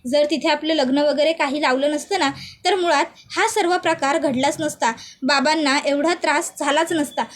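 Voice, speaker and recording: An upset young bride who lays the blame on her husband with sharp reproach, played by a woman narrator. The voice is high and tight with grievance. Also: moderate pace, natural voice. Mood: reproachful.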